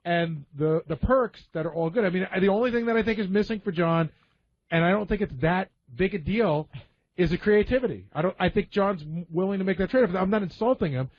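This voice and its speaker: A man whose voice sits high and moves a little fast bluntly explains his opinions in a casual talk radio discussion, as a staff member and panelist on the show. Recorded in a radio studio, the audio is slightly dull and lo-fi.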